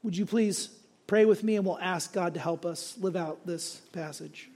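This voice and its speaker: Pastor, man, high voice, chatty sermon delivery with tag questions. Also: moderate pace, darkish tone. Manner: conversational preaching with frequent tag questions.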